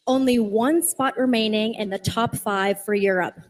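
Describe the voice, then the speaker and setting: A woman hosting a live pageant, announcing the finalists with drawn-out reveals. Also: on the high side, soft background music. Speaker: pageant host.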